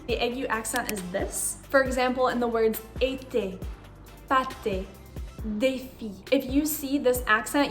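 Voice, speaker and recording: A woman with a slightly high voice teaches pronunciation slowly and carefully, deliberately sounding out words and individual sounds in an instructional manner.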